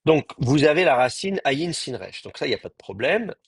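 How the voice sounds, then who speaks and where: Man, Hebrew teacher, online lecture, halting with fillers, husky, dry close sound. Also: on the high side, very animated, dry recording. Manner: halting, many fillers and restarts, spells out Hebrew words slowly.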